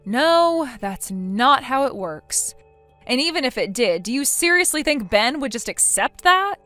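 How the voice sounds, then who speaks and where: A woman's voice: high-pitched, big pitch swings, a little slow, pushed and bright, no room sound, soft background music, heavily acted. A synthetic female voice playing a blunt friend who lectures in a stern tone. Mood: scolding.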